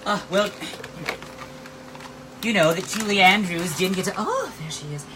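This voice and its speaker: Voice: medium pitch, lively intonation, a little slow, distant mic. A drag performer and show host chatting casually backstage in a campy, theatrical way. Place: backstage dressing room. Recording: noisy room with background ambience.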